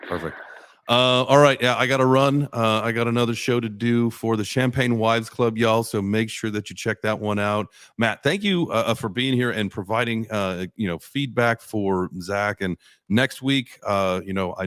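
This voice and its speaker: A man's voice: fairly low pitch, fairly even intonation, moderate pace, fairly bright tone, clean tone, no echo, clean studio sound. A man hosting a talk show in an informal, jokey, chatty way. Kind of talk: casual chat.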